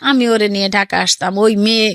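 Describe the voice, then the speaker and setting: Speaking fast in a medium pitch, a middle-aged Bangladeshi-accented woman recounts her own story during an interview. She's animated, voicing people's words as she goes, and the recording is dry and studio quality.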